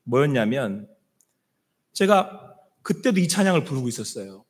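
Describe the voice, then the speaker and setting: A middle-aged male senior pastor preaching a sermon with passion, now and then sinking to soft, hushed words. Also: mid-range voice, very animated, normal speed. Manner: impassioned preaching, dropping to soft hushed quotes of God. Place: church sanctuary. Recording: long church-hall reverb.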